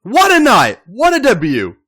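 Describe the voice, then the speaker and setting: A man hosting a podcast reads fan fiction with dramatic emphasis in a very high-pitched voice that swings hugely. The tone is sharp with a breathy edge, and the pace is measured.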